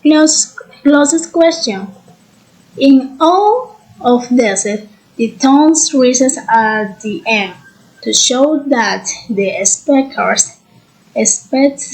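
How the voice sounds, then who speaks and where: A woman presents to her class, reading haltingly from her notes. Her voice is a little high, and she speaks at an unhurried, slow pace. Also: lively intonation, darkish tone, low-quality recording. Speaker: student presenter.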